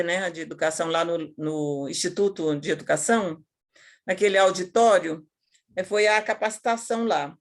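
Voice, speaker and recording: A woman educator talking casually to teachers over a video call, lively and colloquial, acting out the scenes she tells. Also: mid-range voice. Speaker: educator giving a talk.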